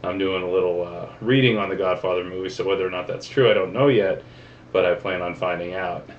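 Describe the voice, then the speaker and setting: A man giving a casual vlog check-in about films he has seen, talking in a folksy, rambling way with lots of "uh" pauses. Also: sits low, fairly even intonation. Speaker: movie vlogger. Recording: dull, lo-fi webcam audio with faint background hum.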